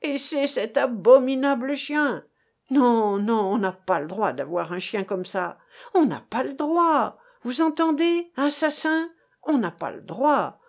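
A woman's voice: on the high side, expressive, drawn-out words, hardly any pauses, a bit bright, heavily acted. A woman reader voicing a stout older village woman who shrieks insults and sobs her words out in broken pieces. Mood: threatening. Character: stout older woman, furious and tearful breeder.

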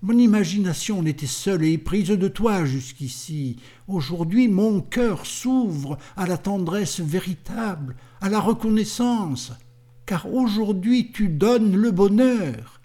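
A man's voice: high-pitched, animated, slow pace, dark tone, voice pushed up. A man reading a passionate, lovesick young man in an audiobook, fervent and pleading.

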